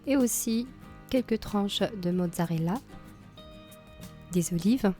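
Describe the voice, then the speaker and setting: A cooking channel host voices a recipe tutorial, explaining each step plainly with the odd small filler. Her mid-range voice is slow, calm and mellow but slightly hoarse from a cold, and soft music plays behind her.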